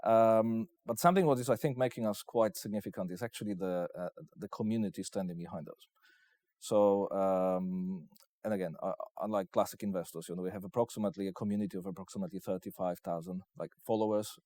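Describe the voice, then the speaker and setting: A mellow, fast-talking man from Poland, with a Polish accent, answers interview questions while pitching his investment company. His phrasing comes out hesitant and piecemeal.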